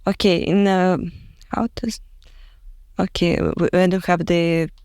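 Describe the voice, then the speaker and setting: A woman from Russia with a Russian accent, speaking English as a second language and often pausing to search for words as an interview guest. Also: lowish voice, steady tone, darkish tone, clear, resonant tone, no echo, clean studio sound. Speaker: guest musician. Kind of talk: casual interview chat in English.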